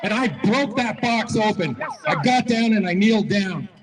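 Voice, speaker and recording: Guy with a high voice telling folksy stories at a rally, long echo off the square. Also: moderate pace, very noisy. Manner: folksy, repetitive, storytelling. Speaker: rally speaker. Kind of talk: motivational speech to a crowd. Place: outdoor public square rally.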